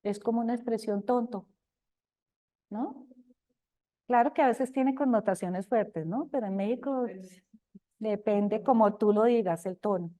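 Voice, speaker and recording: An older woman with a Colombian accent, sharing her experience expressively at a recovery group talk, sometimes speaking loudly. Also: fairly high pitch, unhurried, pauses often. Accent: Colombian Spanish. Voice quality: talks loudly at times. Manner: expressive, addresses listeners as companions.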